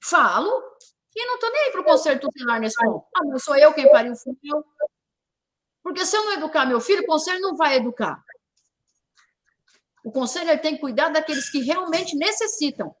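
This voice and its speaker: A woman's voice: high voice, animated, a little fast. A woman from Brazil hosting a talk show, speaking emphatically, repeating key words and firing rhetorical questions. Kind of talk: opinionated talk show discussion.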